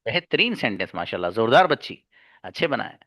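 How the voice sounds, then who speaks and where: A man with a lowish, very animated, slightly fast and somewhat bright voice leads a live online English class, with no echo in the recording. He speaks earnestly and reassuringly to his students, repeating points for emphasis in an encouraging lecture.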